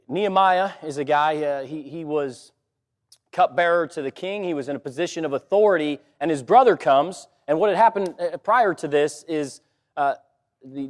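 A pastor with a fairly high voice, slightly hoarse from a cold, preaches a sermon in a conversational way, full of fillers and restarts.

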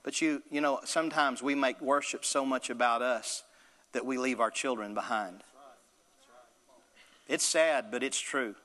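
Guy preaching a sermon, bright edgy tone, big hall echo, pushes his points hard. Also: medium pitch, unhurried. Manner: emphatic, repetitive preaching with call-and-response. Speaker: pastor.

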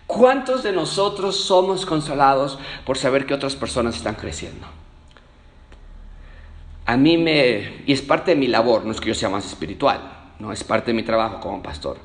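A man preaching a sermon as pastor, animated, swinging between emphatic peaks and soft, hushed asides. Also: medium pitch, moderate pace. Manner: uses everyday illustrations and acts out quoted voices.

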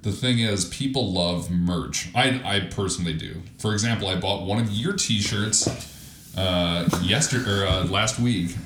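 A man's voice: on the low side, measured pace, fairly bright tone, echoey room, slight background noise. A man co-hosting a casual podcast chat, rambling and cutting himself off as he talks, laughing easily. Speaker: podcast co-host.

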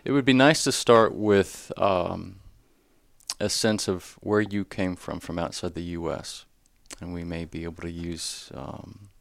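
Low gravelly man hosting an interview. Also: steady tone, dry recording, studio quality. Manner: measured, reads out a formal introduction. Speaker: host and moderator. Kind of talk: formal introduction, then interview.

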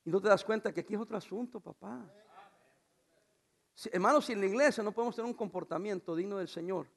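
A middle-aged man preaching a sermon as pastor, animated, asking the congregation rhetorical questions and mixing in humor. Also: high voice, quick pace, vocal fry.

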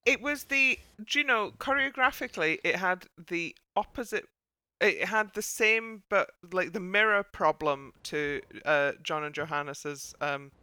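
A woman's voice: lowish voice, lively intonation, a little slow, sharp tone, smooth, no room sound. A woman from Northern England with a Northern English accent, hosting a casual podcast chat in a rambling way, full of fillers. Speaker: podcast host.

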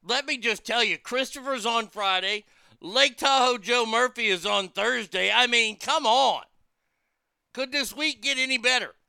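With a high, strikingly bright voice, a man hosts a casual talk radio show, reading listener messages in a loose, irreverent, crude way without hurrying. The audio is dry and clear, with no room sound.

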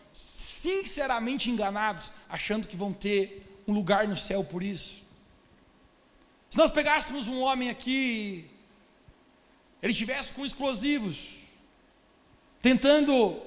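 A preacher with a high voice delivers an emphatic sermon, calling out to his listeners. His words echo with a long reverb through a church hall. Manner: emphatic, addresses the congregation directly.

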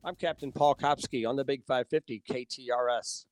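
A man's voice: mid-range voice, steady tone, moderate pace. An American man reading a scripted traffic report and sponsor message on the radio.

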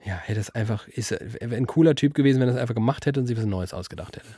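A man's voice: mid-range voice, quick pace, a little hiss or hum. A man co-hosting a podcast, ranting in casual chat. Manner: ranting, animated. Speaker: podcast co-host. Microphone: studio mic.

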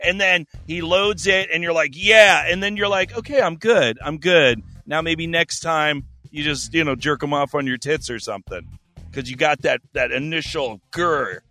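A man's voice: on the high side, moderate pace, sharp tone, faint music behind. A man co-hosting a casual adult podcast, brash and profane, telling jokey stories. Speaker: podcast co-host. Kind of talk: crude casual chat.

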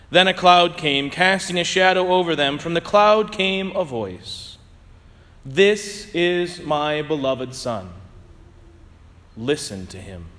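Brief: high-voiced male priest, slow and solemn homily, cathedral echo trailing every phrase. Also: a bit bright. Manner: measured, solemn preaching with long pauses. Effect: cathedral echo, long church reverb. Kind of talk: gospel reading and homily at Mass. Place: large church. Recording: long reverb from a large church.

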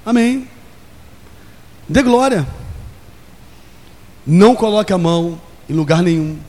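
A man's voice: sits high, expressive, slow pace, a little mellow. A man in his forties preaching a sermon in a church, leading call and response and acting out little scenes. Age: 40s. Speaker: pastor. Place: church hall. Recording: long hall reverb.

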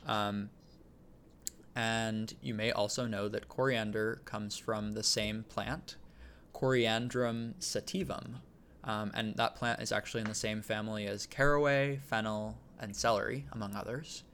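A man with a low, gravelly voice hosts a casual podcast. He explains in a relaxed way, dotted with ums. A faint hiss sits under the recording. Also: unhurried. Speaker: podcast host. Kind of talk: casual chat.

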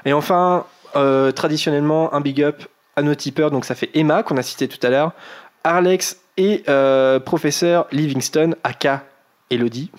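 A man co-hosting a fan podcast, reading listener messages in a chatty, relaxed way, full of fillers and restarts. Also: a little high. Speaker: podcast co-host. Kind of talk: casual podcast chat.

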